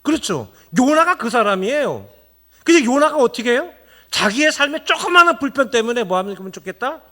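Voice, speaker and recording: A male pastor preaching a sermon in a church, animated and firing rhetorical questions at the congregation. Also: very high-pitched, brisk. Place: church sanctuary.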